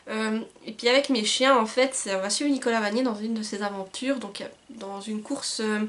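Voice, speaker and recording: A woman's voice: a little high, steady tone, moderate pace, a bit bright. A young woman chatting casually about books to her camera, rambling with many fillers and restarts. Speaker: book vlogger. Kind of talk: casual book chat to camera. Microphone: camcorder mic.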